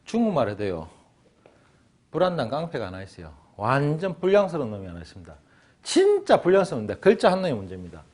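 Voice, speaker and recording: A man teaching Chinese in a joking, animated lecture style. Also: mid-range voice, quick pace. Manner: animated, joking, acts out little scenes. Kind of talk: lively classroom lecture.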